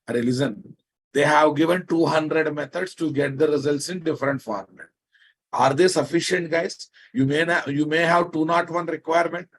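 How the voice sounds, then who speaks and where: A man with a slightly rough, husky voice and a Telugu accent from India gives a live programming lecture. He is emphatic and instructive, restating key phrases and checking on his class with pointed questions. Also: on the high side. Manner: emphatic, repeats phrases and prods listeners with questions. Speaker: software teacher.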